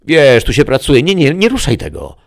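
A man's voice: medium pitch, huge pitch swings, creaky, voice pushed up. A man voicing a chatty, mocking male devil who teases a human visitor in an audiobook story. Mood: teasing. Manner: fast teasing banter.

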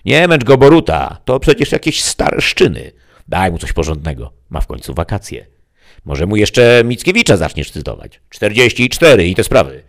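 A man's voice: fairly low pitch, very animated, vocal fry, voice pushed up. A man voicing a chatty, mocking male devil who teases a human visitor in an audiobook story. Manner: fast teasing banter.

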